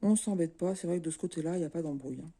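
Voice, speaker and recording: A middle-aged woman from France, a craft vlogger chatting casually to her viewers in a relaxed, easygoing way with many fillers. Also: sits low, rapid-fire, slightly rough. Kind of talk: casual chat to camera.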